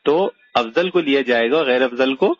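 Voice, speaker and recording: A man's voice: mid-range voice, dull audio. A man teaching a religious point in a debate-style chat, arguing with pointed rhetorical questions. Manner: argumentative, rhetorical questions, emphatic.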